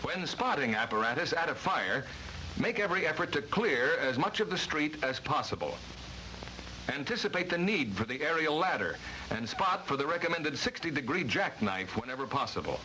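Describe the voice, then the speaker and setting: With a fairly high pitch and moderate pace, an American narrator delivers a 1950s-style instructional lesson over a noisy vintage film track. His tone is bright and forceful, his intonation lively and swinging, and his reading formal and emphatic, like a scripted training lesson.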